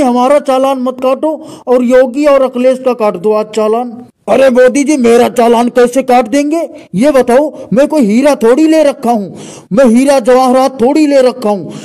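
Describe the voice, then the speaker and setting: Male comedy voice artist, very high pitch, dark mellow timbre, argumentative cartoon sketch banter. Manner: quarrelsome, scolding back-and-forth banter.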